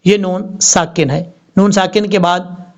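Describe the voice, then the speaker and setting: High-voiced man teaching Quran recitation. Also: steady tone. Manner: explains letter by letter, then chants words slowly. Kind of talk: tajweed lesson with slow drawn-out recitation.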